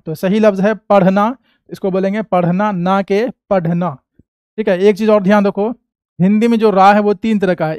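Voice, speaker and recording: A man with an Indian Hindi accent teaching an Urdu class, patiently asking questions and answering them himself, saying each sound slowly. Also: sits high, a little mellow, clear, resonant tone, dry recording. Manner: patient, asks and answers his own questions. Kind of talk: classroom lesson.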